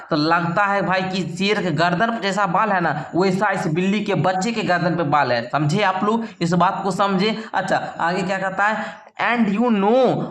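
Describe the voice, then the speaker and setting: Male tutor, higher voice, patient classroom explainer who keeps checking in, roomy echo. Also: a bit bright. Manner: repeats words slowly for students to copy; checks in with "thik hai" and "samjhe" often. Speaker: teacher. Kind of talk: explaining an English lesson in Hindi.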